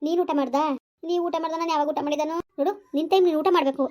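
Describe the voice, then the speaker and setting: A fast-talking man playing a calm, reassuring son, in a homemade family drama who keeps the peace at home. He soothes and coaxes, ending lines with 'okay?'. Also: very high-pitched. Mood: soothing. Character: calm grown son, peacemaker between mother and wife. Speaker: village skit actor.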